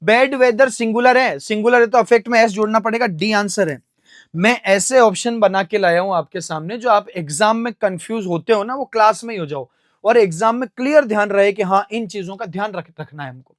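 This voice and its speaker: A young Indian man with a high voice explains confusable words. He asks his own questions, answers them at once, and spells words out slowly letter by letter. The sound is dry and close. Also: dry recording. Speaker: English teacher. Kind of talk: classroom vocabulary lesson.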